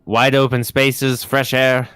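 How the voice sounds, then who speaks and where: A man's voice: medium pitch, level tone, slow pace, a bit bright, clear, resonant tone. A man doing a goofy wisecracking city cop. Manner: joking, sarcastic.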